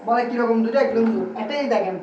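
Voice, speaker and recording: A male Urdu grammar teacher gives a classroom lecture in a very high-pitched voice at a quick pace, constantly checking whether his students follow. He keeps quizzing them and drills them call-and-response style. He sounds distant from the mic in a roomy classroom, and the recording is dull with a faint hiss underneath.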